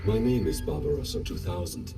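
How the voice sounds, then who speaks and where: Calm, formal station computer. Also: male voice, sits low. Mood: courteous. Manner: formal, courteous and measured. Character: calm, polite male guardian computer of a station. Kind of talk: video game voice acting. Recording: distant voice over game music.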